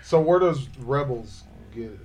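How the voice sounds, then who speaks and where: A man's voice: medium pitch, animated, unhurried, a crowd in the background. A man chatting casually with friends, reacting and asking things in slangy frat-bro style. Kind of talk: casual group chat with friends.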